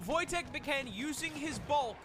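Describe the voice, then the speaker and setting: A man's voice: very high-pitched, animated, normal speed. A man reading scripted comedic narration with irreverent, sweary, theatrical emphasis. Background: music under the voice.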